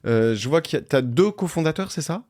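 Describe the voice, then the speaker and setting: A man's voice: fairly high pitch, expressive, moderate pace, a little mellow. A man hosting a podcast interview in a joking, rambling, informal way. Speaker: podcast host. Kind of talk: casual interview.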